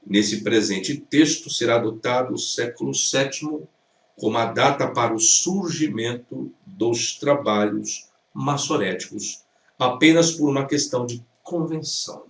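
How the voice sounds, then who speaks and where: A man's voice: mid-range voice, measured pace. Brazilian male teacher, corrective lecture tone, heard from a distance in a roomy space. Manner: didactic, corrective, repeats pronunciations. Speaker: Hebrew teacher reacting to a video. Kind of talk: critical lecture commentary.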